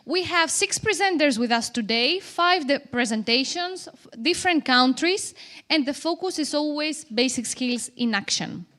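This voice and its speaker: A woman's voice: sits high, expressive, moderate pace, pushed and bright. A woman moderating a conference workshop on stage, friendly and upbeat, with a few fillers and restarts.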